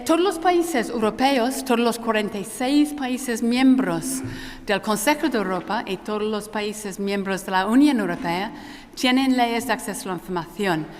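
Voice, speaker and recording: A woman's voice: fairly high pitch, a little hiss or hum. A woman with a non-native Spanish accent moderating a conference panel, hesitant and often correcting herself, her voice echoing through a hall like in a cathedral. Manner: hesitant delivery with frequent self-corrections. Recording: echoey hall with long cathedral-like reverb.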